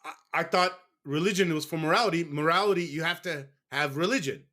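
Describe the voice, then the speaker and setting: A man's voice: a little high, fairly quick, sharp tone. A man from the United States speaking in a casual interview as a guest, candid and rambling, often stopping to correct himself.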